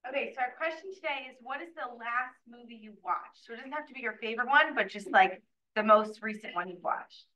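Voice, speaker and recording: A young woman leading a student meeting, briskly reading out names one after another for roll call. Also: fairly high pitch, bright, forceful tone. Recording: distant, dull room mic.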